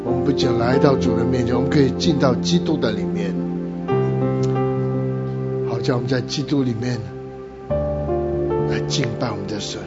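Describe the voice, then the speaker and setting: A pastor leading a fervent, repetitive prayer and then a sermon. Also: male voice, medium pitch, moderate pace, long pauses, lo-fi sound, over loud music.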